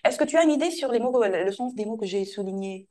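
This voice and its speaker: A woman teacher giving an online French lesson to a pupil, patiently repeating and modeling words slowly. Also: on the high side, animated, mellow.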